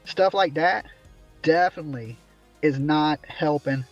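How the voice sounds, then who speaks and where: On a livestream from a small room, a man rants indignantly, asking "right?" again and again as he complains. His voice is a little high and unhurried, with muffled audio and soft music in the background.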